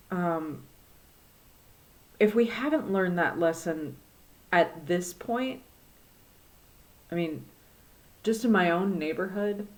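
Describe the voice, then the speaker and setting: A woman with a Midwestern accent giving a spoken tarot and divination reading, slow and reflective, with many pauses and fillers. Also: fairly low pitch. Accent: Midwestern American. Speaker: tarot reader.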